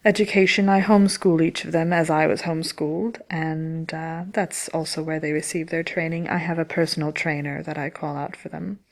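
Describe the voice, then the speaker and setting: Woman acting as a wicked witch, sly, haughty, lowish creaky voice, theatrical, mischievous, ASMR chat host. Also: steady tone, brisk, hardly any pauses. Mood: dry, matter-of-fact. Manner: sly, theatrical, dryly self-important. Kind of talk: in-character ASMR question-and-answer chat.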